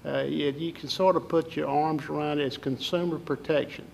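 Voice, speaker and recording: An older man from southern Alabama with a Southern Alabama accent, giving folksy, halting interview answers as a political candidate. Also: on the high side, steady tone, creaky, a little mellow, a little hiss or hum, rough recording.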